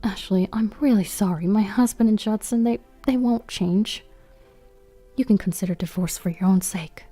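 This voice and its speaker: A woman's voice: mid-range voice, moderate pace, mellow, soft background music, lightly acted. Woman doing a whispering apologetic mother-in-law. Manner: whispered, hesitant.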